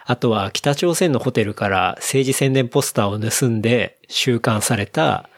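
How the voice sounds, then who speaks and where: A man's voice: medium pitch, moderate pace. A young man casually explaining a news story to a friend, with many fillers. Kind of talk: casual chat.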